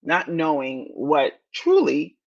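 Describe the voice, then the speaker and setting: Motivational host, woman in her fifties; slow and deliberate, repeats her points, slightly dull lo-fi recording. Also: sits low, huge pitch swings, creaky, darkish tone. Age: 50s. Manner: deliberate, repeats key phrases, encouraging. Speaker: podcast host. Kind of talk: motivational podcast talk.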